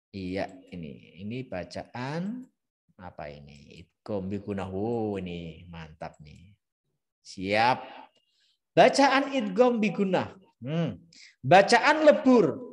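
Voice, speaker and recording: A middle-aged man teaching Quran recitation in a live-streamed lesson, patiently explaining rules and modeling the verses in slow, drawn-out chanting. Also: medium pitch. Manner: explains patiently, repeating key terms.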